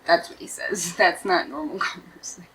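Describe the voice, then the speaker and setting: A woman's voice: on the low side, normal speed, heavy background noise. A woman streamer casually reacting to a true crime video, chatty and laughing, with swearing asides.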